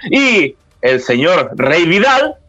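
Husky, high-voiced sports presenter. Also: male voice, big pitch swings, slow, pushed and bright, muffled recording. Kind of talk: radio news read with banter.

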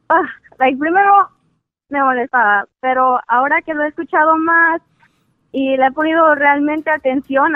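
High-voiced woman speaking American-accented Spanish. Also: no echo. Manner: hesitant, searching for words, self-conscious about her Spanish. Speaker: caller to an advice show. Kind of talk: casual conversation. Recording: tinny narrowband phone call.

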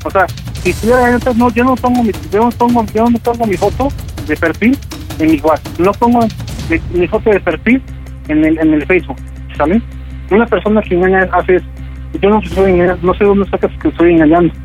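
A man's voice: high voice, a little fast, a little mellow, soft background music. A man on a prank phone call, defensively stammering and repeating himself as he denies cheating. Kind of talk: phone argument.

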